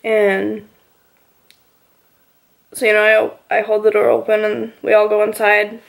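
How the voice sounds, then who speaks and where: A woman's voice: medium pitch, monotone, a little slow, vocal fry. A woman vlogger casually telling a personal story, rambling and filling her talk with "you know" and "like".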